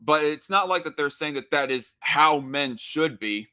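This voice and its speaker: Man with a bright voice, argumentative. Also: fairly high pitch, lively intonation, a little slow, smooth. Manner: argumentative, blunt. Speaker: commentator responding to a played discussion. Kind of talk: off-the-cuff reaction commentary.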